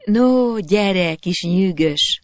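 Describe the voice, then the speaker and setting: A lively peasant girl, as a storyteller puts her on, teasing and coaxing in a sharply raised, bright voice that leaps all over. Dry, close storybook reading. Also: mid-range voice, dry recording, pitched above the performer's own voice.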